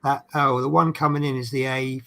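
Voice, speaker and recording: A man's voice: medium pitch, level tone, a little fast, creaky, sharp tone, slight background noise. A man with a Norfolk accent, chatting casually and teasingly as he hosts a hobby stream. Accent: Norfolk English. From East Anglia, England. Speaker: livestream host doing a hobby build. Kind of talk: casual chat while working at a hobby.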